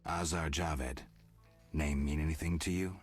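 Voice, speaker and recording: Gruff monster hunter in a fantasy game: rumbling bass, raspy, deadpan and terse. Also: male voice, a little slow, no echo, soft background music, heavily acted. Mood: terse, stoic. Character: gruff, stoic male monster-hunting warrior for hire. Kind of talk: video game dialogue acting.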